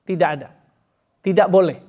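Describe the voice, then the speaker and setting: A man teaching Quran pronunciation in a mosque hall, demonstrating letter sounds slowly and counting the class in before each repetition. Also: high-pitched, dark tone. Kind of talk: tajwid pronunciation lesson in a mosque study circle.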